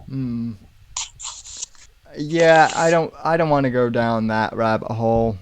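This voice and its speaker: A man co-hosting a podcast on a call, talking slowly and hesitantly with many fillers. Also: mid-range voice, fairly even intonation, a little hiss or hum. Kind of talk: casual chat on a call.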